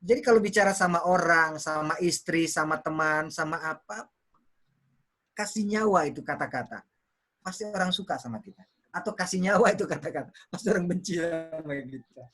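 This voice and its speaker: Man, public speaking coach, slightly high voice, video call, explains with examples. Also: brisk, fairly bright tone. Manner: explains with examples, repeats words to show intonation. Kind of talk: online workshop teaching.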